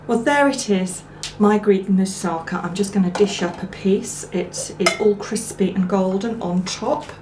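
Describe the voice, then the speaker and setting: A woman talks her viewers through a home cooking demonstration in a chatty, homely way. Her mid-range voice rings in an echoey kitchen, with dishes and cutlery clattering clearly behind her. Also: mid-range voice, a little slow, hardly any pauses. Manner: chatty and homely, talking while cooking and eating. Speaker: cooking show host. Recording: echoey room with clear background noise.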